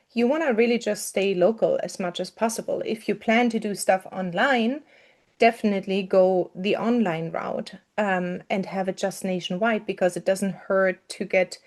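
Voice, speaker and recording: A woman gives a casual step-by-step marketing lesson to her students. She talks in a loose, chatty way, full of fillers and self-corrections. Her voice sits at an ordinary middle pitch. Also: a little mellow. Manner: chatty, with frequent fillers and restarts. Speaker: marketing coach.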